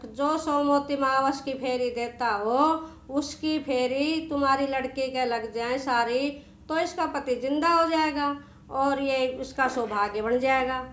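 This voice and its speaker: A woman's voice: sits high, unhurried, fairly bright tone, reverberant. A woman voicing a wise male village priest who gives an assured remedy. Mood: advising.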